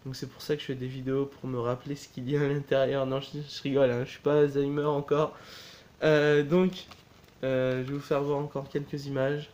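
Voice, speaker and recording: A man's voice: medium pitch, little pitch movement, a little fast, darkish tone. A man chatting casually as he shows a DVD box set, talking in a loose, hesitant way and often correcting himself. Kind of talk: casual unboxing chat.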